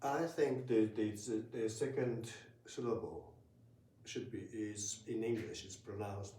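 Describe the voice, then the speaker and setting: A man gives a casual language lesson, pausing often and filling gaps with "uh" and "um". He talks at a slow, unhurried pace. His voice sounds roomy and a bit off-mic. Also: fairly low pitch, warm tone, a little hiss or hum. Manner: slow, hesitant, many fillers. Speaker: Japanese language teacher. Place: room in Tokyo. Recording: roomy, from a distance.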